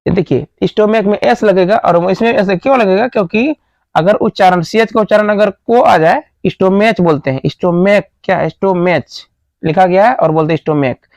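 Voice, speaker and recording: A man's voice: high-pitched, moderate pace, darkish tone, no room sound. A man teaching a grammar lesson, spelling words letter by letter and asking questions he then answers himself. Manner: asks the class questions, then answers them. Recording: dull lo-fi dry recording.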